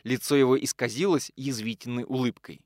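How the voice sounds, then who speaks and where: A man narrating a novel aloud in an expressive, dramatic reading style. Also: medium pitch, a little fast, no room sound, studio quality. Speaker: audiobook reader.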